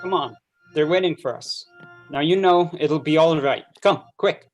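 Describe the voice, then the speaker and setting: A young woman plays a kind, steady father, soothing and reassuring. The voice sits fairly low for her, in an amateur school reading. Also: normal speed, soft background music, natural voice. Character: gentle middle-aged father calming daughter.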